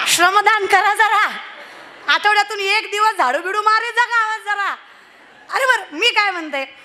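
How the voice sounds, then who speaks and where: A woman preacher giving a devotional sermon with humor, animated and teasing as she scolds her audience. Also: very high-pitched. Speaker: kirtan preacher.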